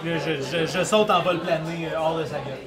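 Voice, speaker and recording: A Quebec French man plays a tabletop game on stage in a high voice. He talks playfully and excitably, with a live audience audible around him. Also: brisk. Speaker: player. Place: large hall before a live audience. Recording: live hall with crowd noise.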